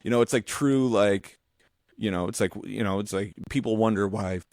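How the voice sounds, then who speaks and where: In clean studio audio with no room sound, a visual artist in his forties talks casually as a podcast co-host at a moderate pace and fairly low pitch. His stories wander, he restarts sentences and interrupts himself, and he tells them with animation and some casual cursing.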